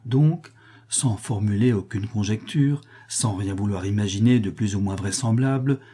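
A man's voice: fairly low pitch, normal speed, mellow, slightly rough. A man voicing a shrewd, coolly logical male detective in an audiobook, reasoning aloud in a lofty, didactic way. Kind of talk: audiobook reading of a detective novel.

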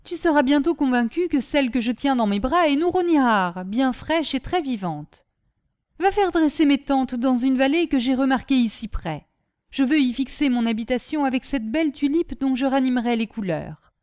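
A woman's voice: high voice, animated, normal speed, darkish tone. A woman voicing a proud, amorous male caliph who speaks in a lordly, dismissive way in a storybook reading. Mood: imperious.

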